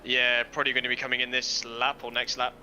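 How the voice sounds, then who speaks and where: Male streamer, casual racing chatter on a headset, sharp bright tone, joking at his own expense. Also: mid-range voice, monotone, fast talker, a little hiss or hum, rough recording. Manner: self-deprecating, swears casually. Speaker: streamer and sim racing driver. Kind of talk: casual chat while racing.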